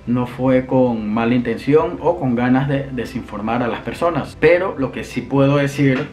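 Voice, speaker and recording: A young adult vlogger from Venezuela talks earnestly to the camera from a room at home, gesturing with his hands as he explains something casually. He speaks with a Venezuelan accent in a slightly mellow, mid-range voice at a moderate pace.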